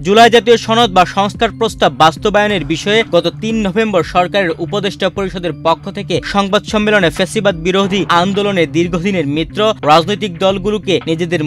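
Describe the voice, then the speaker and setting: A man reading a scripted news report in a measured, formal way. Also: sits high, a bit bright.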